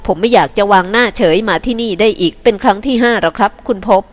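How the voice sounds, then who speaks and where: A woman's voice: mid-range voice, quick pace, natural voice. A woman reading the part of an earnest young man who pleads to be heard. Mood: pleading.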